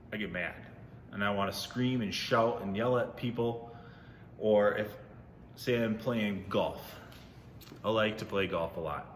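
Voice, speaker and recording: A man's voice: mid-range voice, fairly bright tone, reverberant, long reverb tail, a little hiss or hum. A man leading a casual, upbeat Bible lesson for children on video, chatty and often correcting himself. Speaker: youth ministry teacher.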